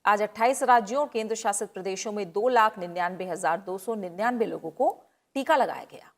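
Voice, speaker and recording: Female news anchor, formal even read, mid-pitched. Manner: steady, measured delivery.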